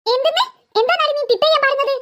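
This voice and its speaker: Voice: very high-pitched, fast, a bit bright. A performer voicing an impatient mother who scolds and threatens her daughter. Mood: scolding. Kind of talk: cartoon voice acting.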